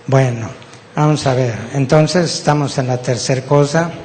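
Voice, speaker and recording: A man's voice: medium pitch, normal speed, a little mellow, long reverb tail, a little hiss or hum. A Mexican man preaching a sermon to his congregation, teaching patiently and often checking that his listeners follow along. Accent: Mexican Spanish. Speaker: pastor. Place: church hall.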